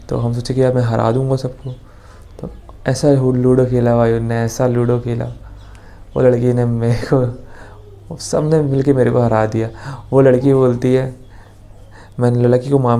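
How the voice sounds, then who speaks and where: A man's voice: medium pitch, creaky, mellow. Young man rambling through a story. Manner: rambling, many restarts and quoted dialogue. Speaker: vlogger. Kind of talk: casual personal storytelling.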